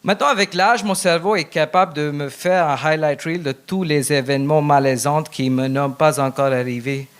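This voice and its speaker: A young man from India, a Telugu speaker, doing a deadpan, self-deprecating stand-up set. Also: fairly high pitch, normal speed, hardly any pauses, smooth. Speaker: stand-up contestant.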